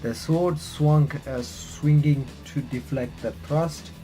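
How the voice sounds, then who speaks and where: This playthrough host reads visual novel text aloud with casual asides, his fairly high, mellow voice frequently stumbling and restarting sentences. Faint music sits behind him in a rough recording.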